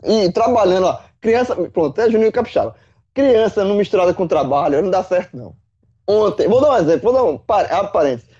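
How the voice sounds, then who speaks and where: A man, a football pundit in casual chat, animated, swearing and full of folksy analogies. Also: high-pitched, quick pace, breathy edge, lo-fi sound. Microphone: remote call.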